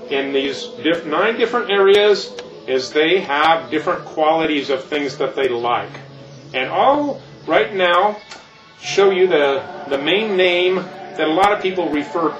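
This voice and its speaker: A man's voice: on the high side, background noise. A man playing Santa Claus as an older keynote speaker, explaining things in a folksy, meandering way. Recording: echoey, distant, muffled, music behind.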